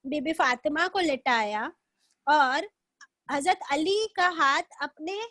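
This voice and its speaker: A woman teaching a religious class over a video call, telling a story gently and often adding pious phrases. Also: sits high, no echo.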